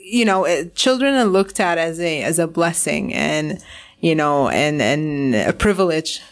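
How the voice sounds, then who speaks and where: A young woman from Syria talks as a radio guest, with a fairly low voice. She speaks warmly and eagerly, often stopping to restart her sentences and fill the gaps with ums and you knows. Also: animated, measured pace. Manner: warm, enthusiastic, many fillers and restarts. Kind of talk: casual radio interview chat.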